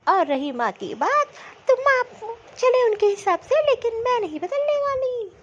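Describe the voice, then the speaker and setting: Woman doing a complaining young cartoon daughter, super high voice, muffled lo-fi audio. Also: sing-song, measured pace, fairly bright tone, full character voice. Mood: defiant. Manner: scornful, complaining. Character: defiant, sharp-tongued young adult daughter. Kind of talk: Hindi cartoon voice acting.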